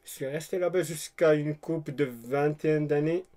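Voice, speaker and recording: Young man, Moroccan accent, higher-pitched voice, casual guest chat, easy laughs, English words mixed in. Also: fairly even intonation, normal speed, warm tone.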